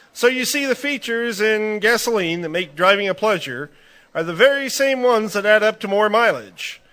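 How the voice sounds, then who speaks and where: A man's voice: sits high, bright, forceful tone. A man playing a 1940s radio announcer, reading a commercial in an upbeat, salesy manner.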